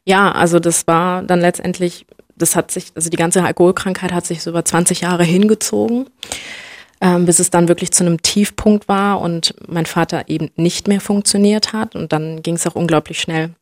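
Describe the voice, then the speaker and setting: A young woman from Germany, speaking reflectively as an interview guest and often pausing to search for words. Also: lowish voice, steady tone, no echo, clean studio sound. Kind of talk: personal interview conversation.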